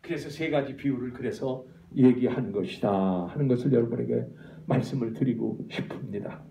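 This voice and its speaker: A man's voice: medium pitch, normal speed, vocal fry, warm tone. A male pastor preaching a sermon, often asking the congregation questions and drawing answers back. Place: church sanctuary. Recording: echoey church hall, voice from far.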